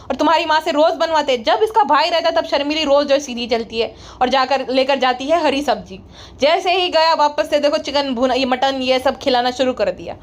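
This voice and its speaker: A woman giving sarcastic, mocking roast commentary and scolding the people she talks about. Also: high-pitched. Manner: mocking, scolding, rapid-fire. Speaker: roast vlogger.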